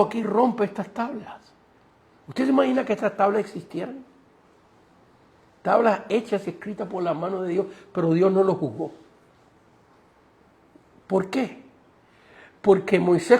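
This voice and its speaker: Male pastor preaching, kinda high voice with lots of gravel, keeps asking the crowd questions. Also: a little mellow. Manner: emphatic, asks the congregation rhetorical questions. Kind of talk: sermon.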